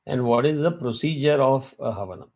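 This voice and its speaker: A man's voice: mid-range voice, animated, fairly quick, a little mellow. A man teaching a weekly Vedic class over a video call. He explains step by step and asks his students questions.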